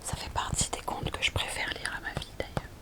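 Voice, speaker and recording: A young adult woman presenting books in a soft, unhurried library whisper, in the style of an ASMR recommendation video. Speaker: ASMR host recommending storybooks. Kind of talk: whispered ASMR book talk.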